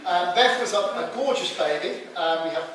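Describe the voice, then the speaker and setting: Echoey, animated man giving father-of-the-bride speech. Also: high voice. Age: middle-aged. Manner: halting, joking, addresses the audience directly. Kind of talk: father of the bride speech, humorous after-dinner wedding speech. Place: live wedding reception before an audience. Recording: echoey noisy room, distant microphone.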